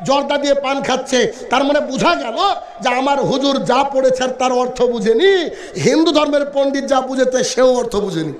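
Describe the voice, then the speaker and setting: Man, very high voice, staccato emphatic sermon delivery, repetitive rhetorical questioning, echoey amplified sound. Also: normal speed. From India. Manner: emphatic, choppy staccato delivery in short separated phrases; didactic, repeats phrases and asks rhetorical questions. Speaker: Islamic preacher. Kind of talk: Bengali waz sermon to an audience. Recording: echoing amplified voice.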